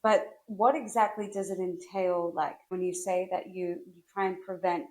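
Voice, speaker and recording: A woman's voice: on the low side, steady tone, moderate pace, a little mellow. A woman hosting an interview podcast, friendly and encouraging toward her guest. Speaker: podcast host.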